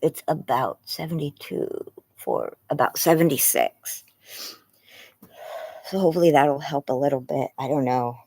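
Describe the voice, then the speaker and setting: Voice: mid-range voice, very animated, unhurried, vocal fry, pauses often, a little mellow, no room sound. A livestreamer chatting casually and apologetically through a face mask, muffled, anxious, with a strained, tired throat. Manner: apologetic, rambling. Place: outdoors in a yard.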